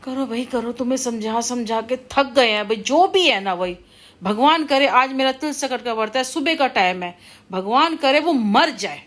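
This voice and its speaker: A middle-aged woman speaks to her viewers in a loose, unscripted monologue. Her voice sits a little high, and she scolds, rambles and circles back to the same warnings again and again. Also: normal speed, fairly bright tone. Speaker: vlogger. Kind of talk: casual monologue to camera.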